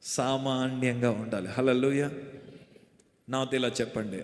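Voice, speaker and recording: A man preaching a sermon as pastor with a Telugu accent, leading the congregation in call-and-response and shouting refrains. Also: medium pitch, steady tone, measured pace. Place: church hall or meeting. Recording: echoey hall reverb.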